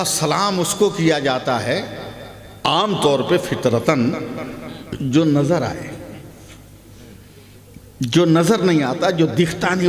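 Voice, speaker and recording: A man giving a humorous sermon at a public gathering, telling a story and acting out the dialogue, often rising to shouts. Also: mid-range voice. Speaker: Islamic preacher. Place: large hall at a public gathering. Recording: long hall reverb with loud crowd.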